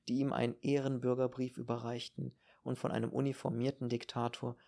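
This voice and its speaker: A man reading an audiobook in a calm, measured narration. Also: medium pitch, gravelly. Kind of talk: scripted narration.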